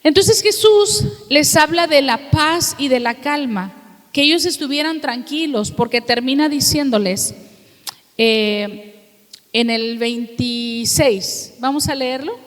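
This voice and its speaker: A woman pastor delivers a sermon in a high voice, putting questions to her congregation and reading scripture with slow emphasis. Her voice rings with the long reverb of a church hall.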